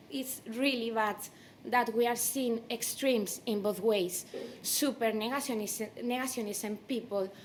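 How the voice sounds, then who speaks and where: Woman, Spanish accent, native Spanish speaker, unhurried delivery, fairly high voice, conference keynote, some background noise. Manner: non-native English with Spanish phrasing. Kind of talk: conference presentation.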